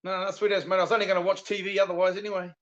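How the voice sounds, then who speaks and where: Heard over dull, lo-fi call audio, a South Island stock car veteran in middle age speaks as an interview guest with a broad Kiwi accent. He's casual and full of slang, his high voice barely moving in pitch as he talks rapid-fire.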